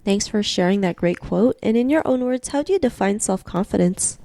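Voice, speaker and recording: A woman's voice: medium pitch, expressive, a little fast, mellow, no room sound, clean studio sound. A young woman hosting an interview podcast, upbeat and formulaic in her questions. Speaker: podcast host.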